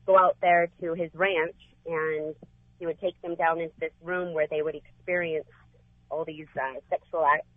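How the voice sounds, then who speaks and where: A woman's voice: low-pitched, no room sound. A woman calling in to a radio show, chatty and matter-of-fact as she recounts local history. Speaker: caller. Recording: phone line.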